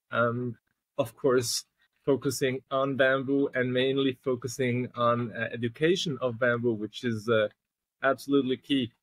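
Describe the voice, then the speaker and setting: Male host in his thirties, mid-pitch, dry close sound, halting with frequent ums. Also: fairly bright tone, no room sound, rough recording. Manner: hesitant, many ums and rephrasings. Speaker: podcast host. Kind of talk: video call interview. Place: indoor room with tapestry.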